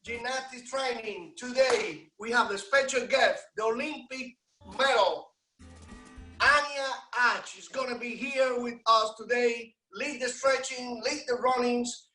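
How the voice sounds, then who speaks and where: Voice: mid-range voice, unhurried, pushed and bright, faint music behind. A host making announcements and introducing a guest in a presenter style, picked up from a distance in an echoey space. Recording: roomy echo, distant mic.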